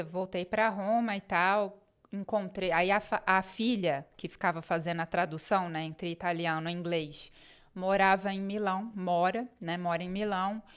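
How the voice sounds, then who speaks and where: A woman's voice: medium pitch, clean tone. A woman with a Brazilian Portuguese accent, telling a personal travel story in a chatty, rambling way. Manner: chatty, rambling, acts out quoted conversations.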